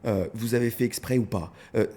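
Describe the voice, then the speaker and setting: A man with a somewhat husky voice talks casually in an interview. He tells his stories with energy, acting out scenes as he goes and repeating words when he starts a sentence. His pitch sits in an ordinary middle range. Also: fairly quick, warm tone. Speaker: dog content creator, guest.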